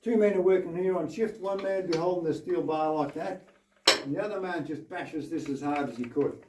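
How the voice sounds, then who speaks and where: A man's voice: a little high, brisk. Man guiding a tour, cave echo. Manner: steady, explanatory, gives instructions to the group. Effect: cave echo from the rock tunnel. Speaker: mine tour guide. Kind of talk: guided tour explanation to a group. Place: inside an underground gold mine tunnel. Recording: echoey tunnel voice from some distance, faint noise.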